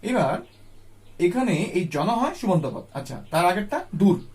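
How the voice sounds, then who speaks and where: A man teaching a grammar lesson to students, patiently repeating each term slowly. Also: high-pitched, sing-song, darkish tone. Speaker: Sanskrit teacher.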